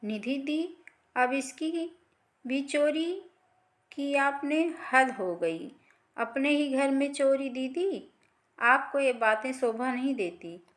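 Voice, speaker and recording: A woman's voice: high voice, slow pace, pitched above the performer's own voice. A woman storyteller voicing a scheming young wife who blames others. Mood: sly. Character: scheming young wife, sly sister-in-law.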